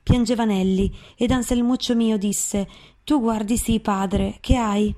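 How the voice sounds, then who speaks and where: Woman solemnly reciting old verse, warm tone. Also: on the high side, steady tone, measured pace. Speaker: reader.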